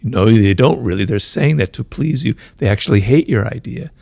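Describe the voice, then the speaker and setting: A man with a gravelly, slightly creaky voice at a middle pitch, speaking fast in a conversational interview. He keeps tossing in "right?" and "you know" as he explains. The sound is dry and close, with no room echo. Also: expressive, a little mellow. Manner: talks fast, says his mind races. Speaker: author being interviewed.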